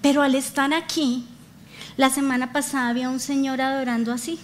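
A woman's voice: high-pitched, level tone, a little fast, a little hiss or hum. A woman pastor preaching a sermon, telling stories animatedly and talking straight to her congregation. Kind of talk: lively sermon with acted-out dialogue. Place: church.

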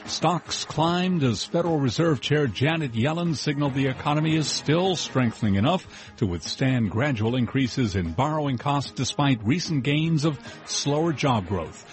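Male anchor reading rapid market news over music. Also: medium pitch, animated. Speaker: radio business news anchor. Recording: music behind the voice.

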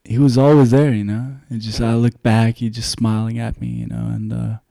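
A young man from Sweden with a Swedish accent, a dancer and musician, talking casually as an interview guest, halting and filling with "you know.". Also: mid-range voice, vocal fry, no room sound. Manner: relaxed, halting, many "you know" fillers.

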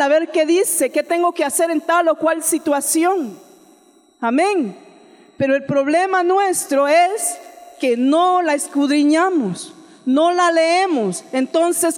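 In a church, a high-voiced woman preaches a sermon with a Central American Spanish accent. She calls her listeners sister and adds frequent amens, and her voice carries the sound of a large hall.

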